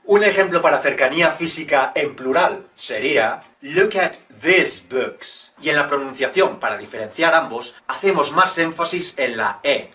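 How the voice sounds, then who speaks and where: A man's voice: fairly high pitch, lively intonation, bright, forceful tone, far from the mic. Playful man teaching English. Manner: playful, jokey asides; slow, careful English example sentences. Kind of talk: Spanish-language English lesson.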